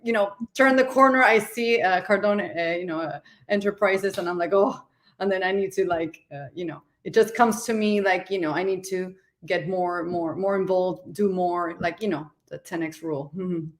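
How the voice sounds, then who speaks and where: A woman from Argentina, a guest in a podcast interview, talking in a relaxed, rambling way with many fillers. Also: lowish voice, moderate pace. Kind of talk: casual interview chat.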